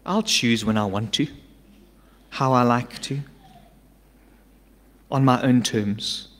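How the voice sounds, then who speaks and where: A middle-aged man preaching a sermon from a church stage into a stand mic, emphatic, swinging between urgent loud lines and hushed asides. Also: mid-range voice, takes it slowly. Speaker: pastor. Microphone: stand mic at a pulpit. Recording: long church-hall reverb.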